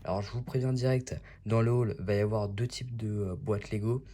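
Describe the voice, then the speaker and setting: A man's voice: fairly low pitch, fairly even intonation, fairly quick, mellow. A man hosting a casual unboxing vlog, talking in a chatty and enthusiastic way. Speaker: YouTube host.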